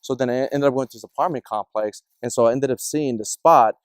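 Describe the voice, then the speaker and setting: A man telling a personal story in casual discussion, animated and acting out the people in it. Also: mid-range voice, quick pace, clear, resonant tone, dry recording. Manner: animated, acts out other people's voices in his stories.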